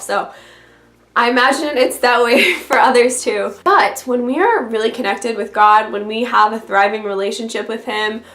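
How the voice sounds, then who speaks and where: Sick raspy lady doing a faith vlog, highish voice, talks right to you, echoey room. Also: fairly bright tone. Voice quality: raspy from illness. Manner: direct, conversational address to the listener. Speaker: video blogger. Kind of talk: scripted-feeling encouraging faith vlog talk to camera. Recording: roomy, echoey sound.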